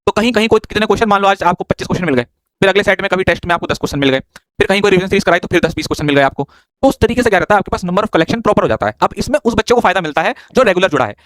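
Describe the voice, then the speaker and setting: Fast, high-voiced male teacher. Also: lively intonation, fairly bright tone, no echo. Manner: chatty, scolding and joking with students. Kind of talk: online exam-prep grammar class.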